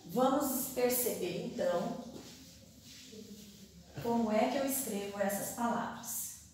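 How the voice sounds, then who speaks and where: Slow, echoey woman teacher. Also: medium pitch, background noise. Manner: slow, deliberate, stretches words syllable by syllable. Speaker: primary school teacher. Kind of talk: recorded classroom lesson. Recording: very echoey room, voice far from mic.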